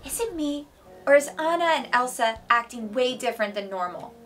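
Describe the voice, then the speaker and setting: A woman's voice: a little high, lively intonation, normal speed, over music, natural voice. A woman playing a cheerful, chatty princess out shopping with friends in a live-action play-acting skit. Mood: cheery.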